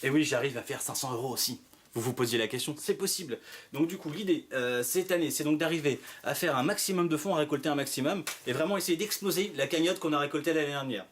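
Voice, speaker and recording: This is a Frenchman with a fairly high voice, speaking as a magician promoting his act. He talks straight to viewers in an animated, playful showman's patter, tossing out questions and answering them himself. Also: quick pace.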